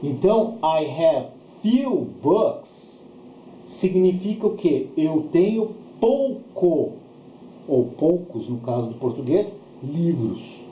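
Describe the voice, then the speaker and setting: A man with a Brazilian accent teaches a bilingual grammar lesson in a fairly high, sing-song, slow, mellow voice. He explains didactically, repeating points and asking short check questions, and the recording is dull and roomy with faint noise.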